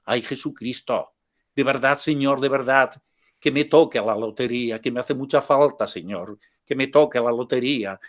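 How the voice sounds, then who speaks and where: A man's voice: medium pitch, normal speed, natural voice. A man doing a pleading Catalan man at prayer.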